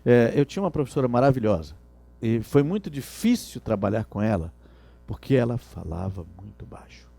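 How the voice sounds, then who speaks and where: A man's voice: medium pitch, animated, a little fast, vocal fry, warm tone. A middle-aged man gives a lecture on customer service, teaching by asking the class rhetorical questions. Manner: didactic, asks rhetorical questions. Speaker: instructor.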